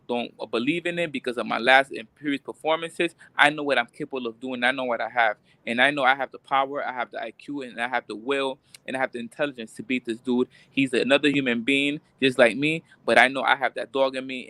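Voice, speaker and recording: A man's voice: mid-range voice, pushed and bright, no room sound. A man from Puerto Rico, a boxer, talking confidently and insistently in an interview, often repeating himself. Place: remote live stream.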